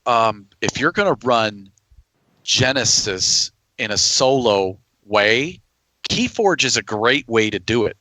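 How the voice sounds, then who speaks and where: A man's voice: mid-range voice, lively intonation, slow pace, bright, forceful tone, dry recording, poor audio. A man hosting a podcast, talking in a casual, conversational way. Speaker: podcast host. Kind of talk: casual chat.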